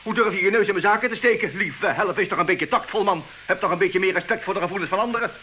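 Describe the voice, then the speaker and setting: A man's voice: high voice, fast talker, pushed and bright. An actor playing an irritable, sarcastic husband in an old radio play, who stammers and snaps when he is cross. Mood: indignant. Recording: hissy old radio recording.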